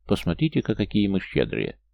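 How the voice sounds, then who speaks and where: A man's voice: low-pitched, quick pace, vocal fry, dry recording, highs cut off. A male audiobook reader voicing an outraged, protective young woman friend who scolds and comforts in turn. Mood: indignant. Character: agitated young woman, a loyal indignant friend.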